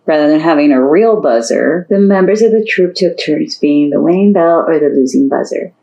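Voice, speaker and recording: Low mellow-voiced woman reading a story. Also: normal speed, dull audio. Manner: steady storytelling with lifted voices for the girls' lines. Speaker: narrator.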